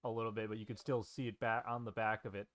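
A man's voice: fairly low pitch, flat delivery, quick pace, fairly bright tone. A young man co-hosting a casual chat, telling a story with hesitant fillers. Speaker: podcast co-host.

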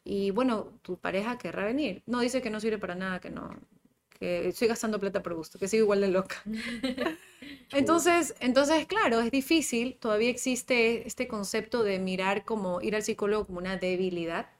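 A woman psychologist in casual chat, lively and acting out what her clients say. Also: mid-range voice, moderate pace.

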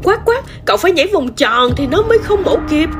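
A woman doing a shrill clucking mother hen. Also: lively intonation, moderate pace, over music. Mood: panicked. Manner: clucking and squawking.

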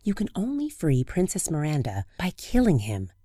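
A woman voicing the sun as a wise, kindly spirit in a fairy tale, giving calm, steady counsel. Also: sits low, moderate pace, dry recording, studio quality, heavily acted. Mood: instructing.

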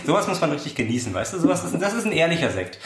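A young man in his twenties co-hosting a podcast, talking in a rambling, ironic, deadpan way. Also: on the high side, racing. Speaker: podcast co-host. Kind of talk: casual chat. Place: friend's flat. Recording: roomy room sound.

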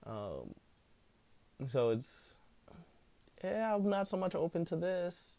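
A man with a smooth voice hosting a solo podcast in casual, rambling talk full of slang and swearing. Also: high-pitched, very animated, takes it slowly, mellow, dry recording. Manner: profane, slangy. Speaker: podcast host.

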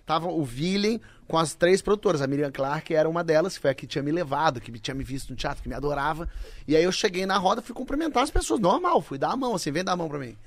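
A man in casual chat, telling a story excitably. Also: fairly high pitch, quick pace, no echo. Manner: excitable, laughs often.

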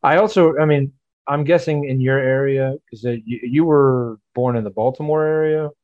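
A man's voice: medium pitch, normal speed, no room sound, narrow, tinny audio. A man in his forties from the Memphis area, reminiscing in casual podcast chat with many fillers. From Memphis area, USA. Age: 40s.

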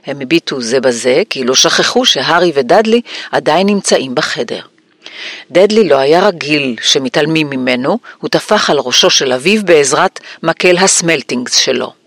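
A man reading an audiobook aloud in a measured storytelling voice on a close mic. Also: on the high side, lively intonation, a bit bright, dry recording. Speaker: audiobook narrator. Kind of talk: scripted audiobook narration.

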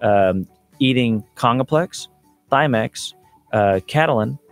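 A man's voice: mid-range voice, lively intonation, takes it slowly, faint music behind. A man in his thirties, a doctor guest on a radio show, explaining remedies in a chatty, laughing way. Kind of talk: casual radio chat.

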